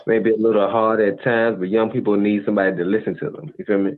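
A very deep-voiced man holds forth on a podcast in a preachy, laid-back way. He leans on "you feel me" constantly. His voice comes through a thin, phone-like band. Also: steady tone, fast. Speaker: podcast co-host. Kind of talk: casual advice monologue. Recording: tinny phone-like audio.

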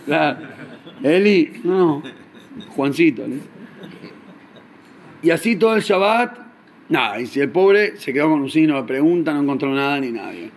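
A man with a Rioplatense Spanish accent teaching in a storytelling sermon, animated and acting out the characters. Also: fairly high pitch, moderate pace, pauses often, slight background noise.

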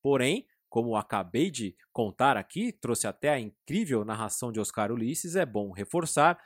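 A man's voice: medium pitch, sing-song, moderate pace, dry recording, clean studio sound. A Brazilian man delivering scripted narration about football history as the show's host.

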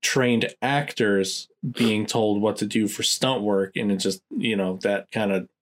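A man's voice: on the low side, fairly even intonation, a little slow. A man co-hosting a casual discussion of films, speaking informally.

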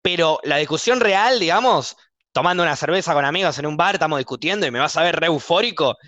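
A man's voice: on the high side, lively intonation, sharp tone, dry recording. A man with an Argentine Spanish accent, hosting a casual podcast chat, talking with emphatic passion and a taste for arguing. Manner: emphatic, quick to argue. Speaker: host.

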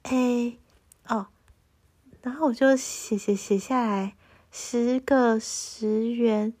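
A young Taiwanese vlogger tells a personal story to camera in a casual video, her Mandarin accent clear as she stammers and restarts, growing animated and aggrieved. She speaks slowly in a slightly high voice.

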